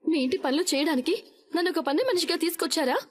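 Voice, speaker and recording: A wronged young daughter-in-law in a TV serial. She speaks in a very high voice at a rapid clip. Her tone is indignant and pleading. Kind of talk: TV serial acting.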